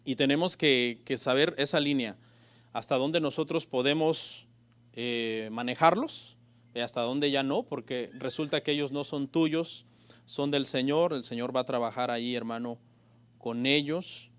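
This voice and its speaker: A man preaching a church sermon as pastor, often calling his listeners brothers and moving between loud emphatic peaks and quiet asides. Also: mid-range voice, unhurried, clean tone. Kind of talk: Spanish-language church sermon.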